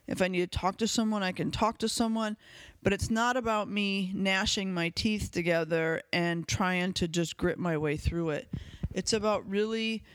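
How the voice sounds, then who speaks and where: A man with a notably high voice talks through a reflective self-help monologue as a podcast host. He is candid and conversational, leaning on fillers and the occasional swear word. The sound is dry and close, with no room around it. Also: a bit bright, clear, resonant tone, dry recording.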